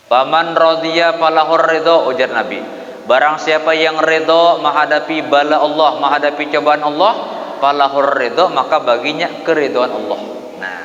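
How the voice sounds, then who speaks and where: Male preacher with a Banjar accent, medium pitch, chatty and lively sermon delivery, dull echoey hall recording. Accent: Banjar Malay. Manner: lively, conversational preaching, addresses listeners as Pak.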